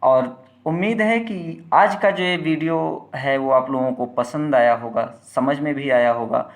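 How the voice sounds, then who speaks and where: A man teaching a lesson, who poses questions and answers them himself and stretches sounds out slowly to demonstrate them. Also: on the high side. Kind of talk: classroom-style lecture.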